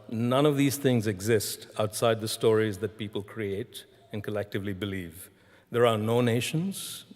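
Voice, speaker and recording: A man with a low, darkish voice speaks as a graduation ceremony speaker, delivering a measured, storytelling address with deliberate repetition. The live ceremony takes place in a large concert hall, so the recording carries long, echoing reverb.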